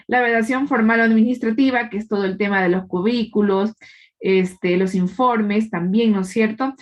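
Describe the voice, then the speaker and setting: A woman teacher leads a live online class, explaining patiently and quizzing her students with frequent tag questions. Her voice is medium in pitch and her pace moderate.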